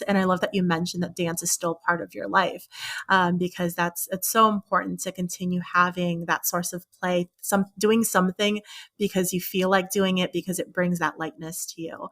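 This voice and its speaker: Woman podcast host with a lowish voice, eager and engaged interviewer. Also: steady tone, moderate pace, a bit bright.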